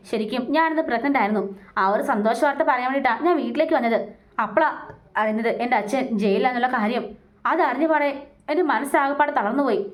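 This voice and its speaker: A woman's voice: a little high, lightly acted. A woman voicing a scheming young daughter-in-law who pleads and explains herself in a self-pitying way.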